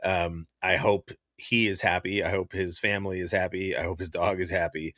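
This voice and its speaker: Male host, casual opinionated stream chat; somewhat low, forceful tone, dry close recording. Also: moderate pace, no echo. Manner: opinionated, animated, thinks aloud with fillers and restarts. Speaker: hockey podcast host. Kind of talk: casual live-stream commentary answering chat.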